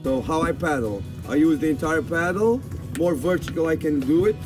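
A man's voice: a little high, moderate pace, over music. A man working as a guide, explaining things informally in short, simple phrases outdoors. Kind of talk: informal instruction. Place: outdoors by the sea.

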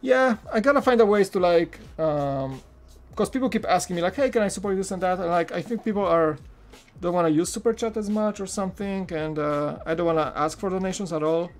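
A Polish man in his thirties, with a Polish accent and a high, slightly fast voice, chats casually on a live stream while building something in his home studio. His speech is full of fillers and restarts.

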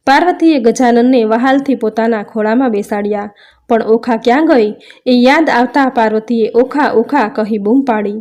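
Woman, storyteller, devotional tale narration, steady, measured, slightly high-pitched.

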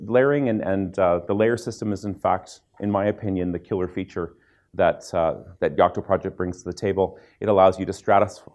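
A man's voice: deep voice, darkish tone, muffled recording. A man teaching a conference seminar, explaining at length with frequent fillers, restarts and asides to the audience. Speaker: seminar instructor. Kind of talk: technical conference lecture.

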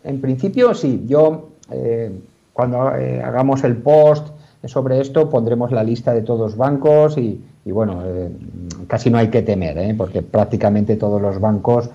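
A man talks his office, explaining a legal question patiently with frequent fillers and restarts. His voice is mellow and dark. The sound comes through a dull, lo-fi video call. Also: mid-range voice, measured pace, gravelly. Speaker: lawyer.

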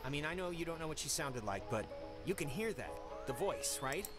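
An anxious teenage boy in a video game, with a high, very animated voice. He talks casually and haltingly, tripping over his words, with music behind him. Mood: anxious, pleading. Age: young adult. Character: anxious teenage boy, joking, pleading, hesitant. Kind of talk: naturalistic video game voice acting. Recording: music under the voice.

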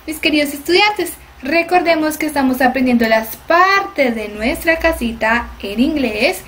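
A woman English teacher, giving a cheerful, clear lesson to young children. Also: high voice, animated, a little slow, fairly bright tone, slight background noise.

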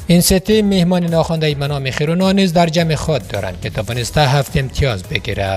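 A man narrating scripted football news in a formal newsreader manner, as a studio voice-over. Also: fairly high pitch.

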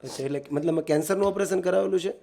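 A man interviewing a woman in need for a charity, asking gentle, consoling questions. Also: sits high, rapid-fire, gravelly.

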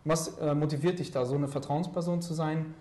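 A man's voice: a little high, fairly even intonation, brisk, mellow, roomy sound. A young man hosting a student TV studio interview, asking questions with many fillers and hesitations. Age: young adult. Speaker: host. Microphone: lapel mic.

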